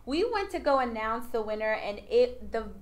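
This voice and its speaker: A woman hosting a casual live-streamed studio chat, upbeat and promotional, often pausing with um. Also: on the high side, animated. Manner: upbeat, promotional, many ums. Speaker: host.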